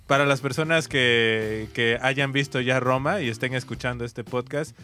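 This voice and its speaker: A man's voice: mid-range voice, fairly even intonation, moderate pace, sharp tone. Podcast co-host: self-mocking man with street slang, faint music bed. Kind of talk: casual chat among friends.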